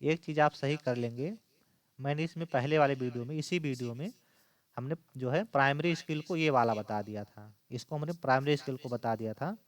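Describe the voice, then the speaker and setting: A man's voice: mid-range voice, brisk. Male teacher, mid-range voice, explains exam answers step by step and repeats the key points. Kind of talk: exam-prep lesson.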